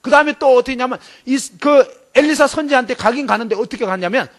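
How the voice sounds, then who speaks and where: A man with a strikingly high voice delivers a sermon to students. He talks emphatically, tossing question after question at his listeners. He brings scenes to life as he acts them out. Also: fast, fairly bright tone. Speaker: preacher at a student camp.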